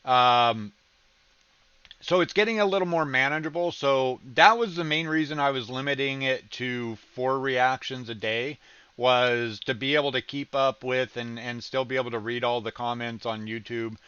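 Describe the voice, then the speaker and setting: Hosting a casual livestream reaction chat, a man with a slight Southern American accent rambles, restarts often, says um a lot, and laughs easily. His voice is medium-pitched, smooth and sharp-toned at a moderate pace. The recording is muffled, with no room sound.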